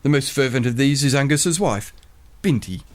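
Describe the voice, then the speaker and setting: A man's voice: mid-range voice, expressive, moderate pace, natural voice. A man playing a mock documentary reporter in a comedy sketch, with earnest, announcer-like scripted narration.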